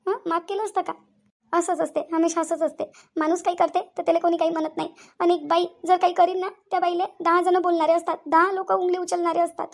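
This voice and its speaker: Tearful, high-voiced cartoon wife. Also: female voice, little pitch movement, fast talker. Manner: tearful, pleading, repeats herself. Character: grieving young wife and mother. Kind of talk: Marathi cartoon voice acting.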